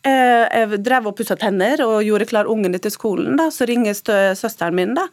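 Halting, emotional woman guest. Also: mid-range voice, no room sound. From Turkey. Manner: emotional, halting, many fillers. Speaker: interview guest. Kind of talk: radio interview.

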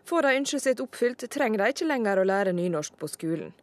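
A woman reporter narrates a radio news piece in an even, crisp manner. Her pitch is middling, and the voice is close and dry on the mic. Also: dry recording. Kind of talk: scripted news report voice-over. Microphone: studio mic.

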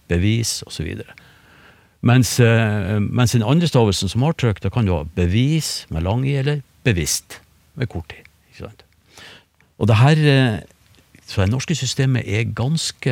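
Male radio panel expert, low voice, dry studio mic; patient explainer with lots of hesitations. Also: creaky, a little mellow, no room sound. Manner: patient, explanatory, with many fillers and restarts. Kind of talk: explaining on a radio talk show.

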